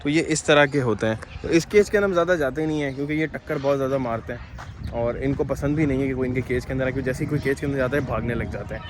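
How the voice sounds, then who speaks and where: A man vlogging at an outdoor zoo in a chatty, excitable way, talking to viewers and to the animals. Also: medium pitch, rapid-fire. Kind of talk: casual vlog narration. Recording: noisy outdoor camera audio. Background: birds and animal calls.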